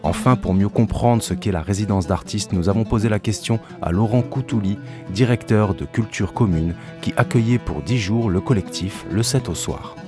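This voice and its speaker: A man reading a scripted report introduction in an even, read-aloud delivery. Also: fairly low pitch, moderate pace, few pauses. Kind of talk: scripted narration. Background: guitar music.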